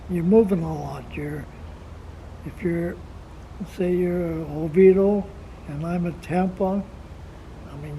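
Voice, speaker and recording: Very old American grandfather, nineties, reminiscing haltingly at a very slow pace, with clear background noise. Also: a little high, dark tone, low-quality recording. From Montana, United States. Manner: halting, slow, repeats words while searching for them. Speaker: grandfather being interviewed. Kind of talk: reminiscing, casual conversation. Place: outdoors in the sun.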